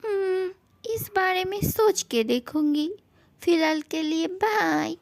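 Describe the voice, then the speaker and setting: Woman voicing strict young man, firm scolding manner, high voice, slow measured talk. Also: vocal fry, full character voice. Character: stern young man, strict but caring friend. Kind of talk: fan-fiction voice acting.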